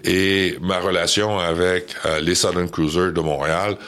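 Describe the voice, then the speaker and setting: A man, a guest on a radio interview, speaking hesitantly with many pauses and restarts. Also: low voice, flat delivery, fairly bright tone, clean tone. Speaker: charity event organizer guest.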